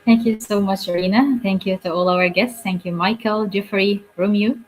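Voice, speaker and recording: A woman's voice: mid-range voice, steady tone, moderate pace, soft background music, low-quality recording. A woman host from Egypt wrapping up an online episode, thanking guests with many fillers. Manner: warm thanks, filler-heavy. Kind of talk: closing remarks on a webinar.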